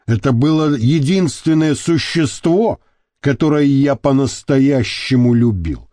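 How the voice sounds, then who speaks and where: A man voicing a gruff older male prison boss who speaks slowly and lectures. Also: mid-range voice, expressive, warm tone, no echo, clean studio sound, natural voice. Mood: wistful. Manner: slow, weighty, lecturing.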